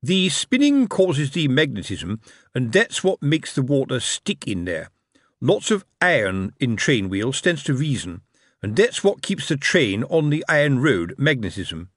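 A middle-aged sergeant bluffs his way through every question, dragging out his words with a sing-song, swooping pitch, as a man puts him on. The audiobook sound is dry and close. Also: sing-song, a bit bright, no echo. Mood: blustering. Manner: bluffing, slow and drawn out. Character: blustering middle-aged male watch sergeant.

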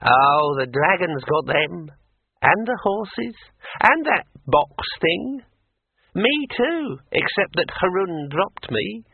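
A man voicing a chatty, bossy talking magic sword with a high, ringing voice and a pushy, self-important drawl. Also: big pitch swings, slow pace, gravelly, husky, no echo, full character voice. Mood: pushy, breezy. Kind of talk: audiobook character voice. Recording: tinny dry radio recording.

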